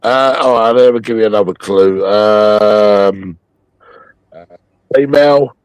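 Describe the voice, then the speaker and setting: A man's voice: fairly low pitch, slow, smooth, dry recording, rough recording. A Scottish man chatting casually and jokily in late-night banter, swearing freely and repeating himself.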